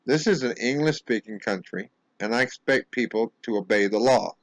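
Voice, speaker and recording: An American man speaking a home video monologue in an indignant, insistent way, halting often and repeating words as he restarts his sentences. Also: mid-range voice, no room sound, rough recording. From United States. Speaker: vlogger. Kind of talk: angry monologue to camera.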